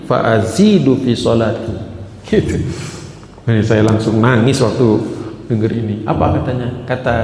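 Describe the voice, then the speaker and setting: A man preaching a dawn study sermon in a mosque, talking in a casual, personal way and slowly chanting Arabic verses. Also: medium pitch, creaky, darkish tone. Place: large mosque hall. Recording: echoey mosque hall with reverb.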